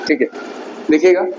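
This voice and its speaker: A man's voice: on the high side, darkish tone. A man giving a grammar lesson, often repeating key words and putting questions to his students. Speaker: teacher. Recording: dull lo-fi recording with faint noise.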